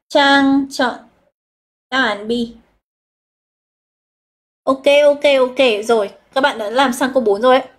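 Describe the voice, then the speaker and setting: Vietnamese woman teacher, slightly high voice. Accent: Northern Vietnamese. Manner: explains step by step, reads out students' answers, drawn-out key words. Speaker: English teacher. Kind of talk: live online exam review lesson.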